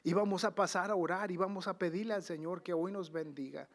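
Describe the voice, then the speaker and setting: A man preaching a fervent sermon, booming on key phrases and dropping to quiet low asides, drawing out quoted scripture slowly. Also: fairly even intonation. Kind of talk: Pentecostal sermon.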